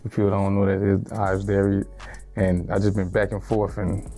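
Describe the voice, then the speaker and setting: Laid-back young man, flat and low. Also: normal speed, soft background music. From Miami, Florida. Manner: laid-back street slang, lots of "you feel me". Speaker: rapper, interview guest. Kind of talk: casual interview.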